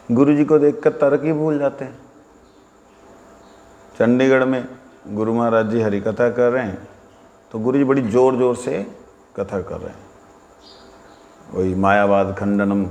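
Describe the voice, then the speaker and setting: A man's voice: medium pitch, a little mellow. A man giving a spiritual discourse, recounting anecdotes in a conversational way with quoted dialogue. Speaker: religious speaker. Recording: echoey hall with faint background noise.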